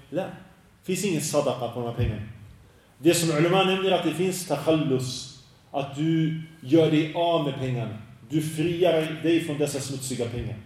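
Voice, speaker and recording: A man giving a slow, deliberate religious lesson in Swedish, dropping Arabic phrases in as he teaches. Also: fairly high pitch, a little mellow. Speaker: preacher. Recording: very echoey room, voice from a distance.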